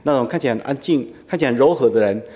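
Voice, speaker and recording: A man preaches in an easy, conversational way, pausing to check in with his listeners through quick rhetorical questions. His voice sits at an ordinary middle pitch. The sound carries a long reverb, as in a church hall. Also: animated, warm tone. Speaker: pastor. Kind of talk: sermon.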